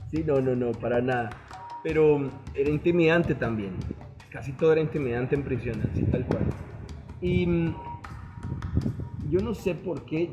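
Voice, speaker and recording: A man with a Colombian accent sharing a personal testimony outdoors, talking earnestly and confessionally to the camera. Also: a little high. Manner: earnest, confessional, addresses viewers directly. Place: outdoors in the wind. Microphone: camera set up in front of him.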